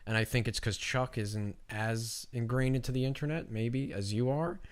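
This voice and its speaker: A man's voice: medium pitch, normal speed. A man co-hosting a podcast in a casual, profane and talkative way. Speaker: podcast co-host. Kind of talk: casual chat.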